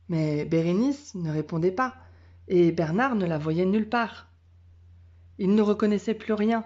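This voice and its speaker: A woman teacher reading a children's storybook aloud in a calm, measured way. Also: medium pitch. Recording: dull lo-fi sound.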